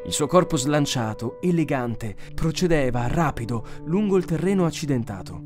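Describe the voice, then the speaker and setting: A man reading a science fiction story aloud as an audiobook narrator, with an expressive delivery. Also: fairly high pitch, normal speed, over loud music. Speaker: audiobook reader. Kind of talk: scripted narration.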